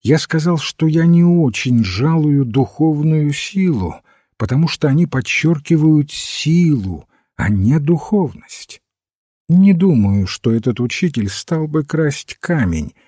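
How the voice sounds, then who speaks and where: A gentle, thoughtful old priest who untangles a mystery by calm reasoning, as a male reader plays him. His speech is unhurried and lively in pitch. The tone is mellow and a little husky. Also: dry recording, clean studio sound, exaggerated voice. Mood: explaining. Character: mild, thoughtful elderly male priest-sleuth.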